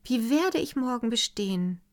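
A woman's voice: fairly high pitch, lively intonation, normal speed, pitched above the performer's own voice, natural voice. A woman voicing a slender, aloof young lady who speaks in a lilting, melancholy tone. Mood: wistful.

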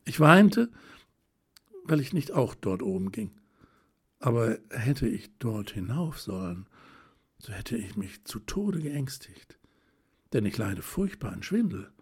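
A man voicing a shy, tender young woman who is quick to tears, speaking softly and often in a whisper with a hesitant, wistful manner. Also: medium pitch, very animated, slightly rough, heavily acted.

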